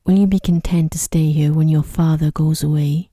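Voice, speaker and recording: A stern, courteous storybook Beast, voiced by a woman in a low register. The tone is extremely soft and dark, measured and formal, captured very dry and close. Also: fairly even intonation, no room sound. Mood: formal, pleased. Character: commanding male Beast, stern but courteous. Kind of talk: softly read fairy-tale bedtime story.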